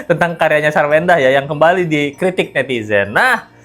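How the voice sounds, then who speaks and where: Here is a gossip vlogger talking straight to viewers at a medium pitch, easy and conversational, quick to tease and to laugh. Soft music runs underneath the voice the whole time. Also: sing-song. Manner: chatty, teasing, laughs often. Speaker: gossip commentary host. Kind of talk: casual celebrity gossip commentary. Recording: light background music.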